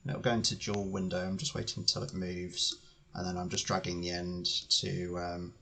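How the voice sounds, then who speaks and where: A man streaming live as he edits his video, thinking aloud with fillers and restarts, his voice slightly hoarse. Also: sits low, flat delivery, moderate pace, pushed and bright. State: slightly hoarse, clearing throat. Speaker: channel host editing video. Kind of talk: casual live-stream commentary.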